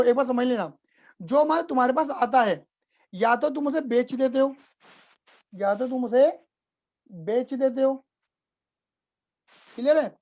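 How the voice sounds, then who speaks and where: A man's voice: very high-pitched, a little mellow. A man teaching accounting in a casual live class, repeating points and often checking whether students follow. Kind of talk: live online class explanation.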